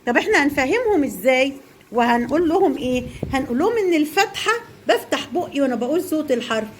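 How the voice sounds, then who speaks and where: A woman's voice: high voice, expressive, racing, a little hiss or hum. A young woman teacher with an Egyptian accent, quizzing and praising small children while explaining to parents. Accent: Egyptian Arabic. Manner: encouraging, quizzing and praising pupils.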